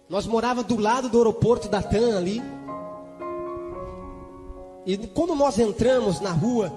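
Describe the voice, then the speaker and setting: A Brazilian man with a very high voice preaches a testimony in church. He tells it fervently and emotionally, breaking into hallelujahs and speaking in tongues. His voice rings with a long hall reverb, and soft music plays underneath. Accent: Brazilian Portuguese.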